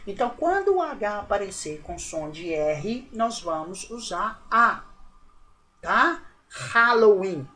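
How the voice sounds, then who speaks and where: A woman's voice: medium pitch, fairly bright tone, rough recording. A woman with a Brazilian Portuguese accent giving a casual online English grammar lesson, explaining step by step and checking in with viewers constantly. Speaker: English teacher.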